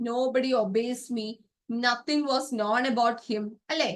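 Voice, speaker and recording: High-voiced Malayali woman teaching grammar. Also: a bit bright, far from the mic. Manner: explains step by step, asks checking questions. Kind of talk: exam-prep grammar lesson.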